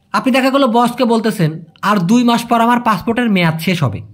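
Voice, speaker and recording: A man with a Bangladeshi Bengali accent teaches a language lesson. He explains slowly, repeats each example and calls his listeners brother. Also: sits high. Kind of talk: language lesson for migrant workers.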